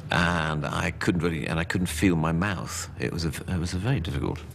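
A man's voice: deep voice, a little fast, creaky, a bit bright. A man recalling performing in a comedy sketch, talking hesitantly with restarts. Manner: hesitant, thoughtful, stuttering restarts. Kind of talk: documentary interview.

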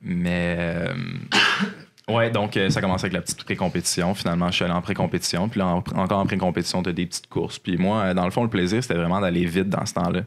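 A man's voice: sits low, fairly even intonation, fast. A man in his twenties from Montreal with a Québécois accent, telling stories as a podcast guest, rambling with many fillers and restarts, at a table mic in a room. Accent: Québécois French. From Montreal, Quebec. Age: 20s. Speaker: podcast guest, alpine skier. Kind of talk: casual storytelling. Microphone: desk microphone.

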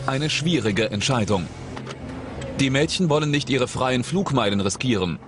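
A man narrating a documentary in a measured, suspenseful tone, his mid-pitched voice recorded cleanly in a studio. Dramatic music plays clearly beneath his scripted voice-over. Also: animated.

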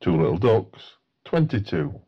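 A man's voice: fairly low pitch, sing-song, unhurried, husky, highs cut off. A man working as a bingo caller, announcing numbers in set phrases with a matter-of-fact delivery.

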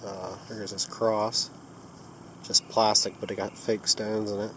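A man stuffed up from a cold narrates his metal detecting finds outdoors in the woods and a yard, chatting to viewers as he digs in a plain, upbeat way. His voice is lowish and a bit bright, with a level tone and slightly slow pace. A little hiss or hum is audible.

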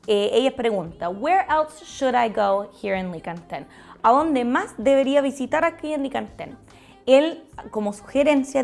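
Slow, gravelly teacher speaking Spanish. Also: female voice, high-pitched. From United States. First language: English. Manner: explains slowly and clearly, repeats phrases in English then Spanish. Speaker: English teacher. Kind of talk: online language lesson.

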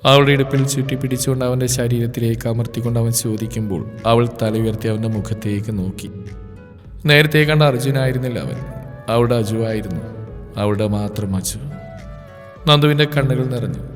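Emotive male storyteller with reverb. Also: mid-range voice. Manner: slow, emotive reading. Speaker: story presenter. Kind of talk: scripted story narration. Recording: reverb with background music.

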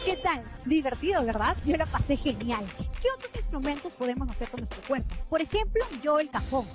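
A woman with a Peruvian Spanish accent leading a lively children's body-percussion lesson, making playful sound effects. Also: sits high, brisk. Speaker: movement instructor. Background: music.

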